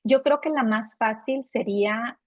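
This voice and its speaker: Woman in her 50s, financial advisor guest, earnest, slightly high voice, dry close sound. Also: unhurried, no room sound. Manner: earnest, personal. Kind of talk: interview answers.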